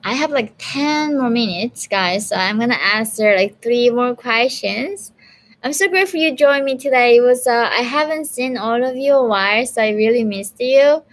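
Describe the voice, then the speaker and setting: A North Korean woman with a Korean accent answers viewers' questions during a casual live stream, earnest and talkative. Her voice is fairly high and her speed normal, and she uses many fillers and restarts.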